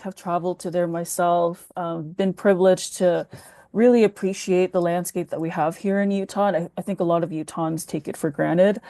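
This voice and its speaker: A woman's voice: lowish voice, a little mellow, dry recording, studio quality. A woman from the Bay Area of California telling her story as a guest in a virtual panel discussion, reflective and earnest, speaking over a video call.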